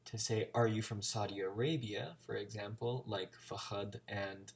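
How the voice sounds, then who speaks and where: A man's voice: fairly low pitch, fairly even intonation, moderate pace, gravelly. An American man talking casually in a vlog, chattily sounding out Arabic words as a learner. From United States. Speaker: language-learning vlogger.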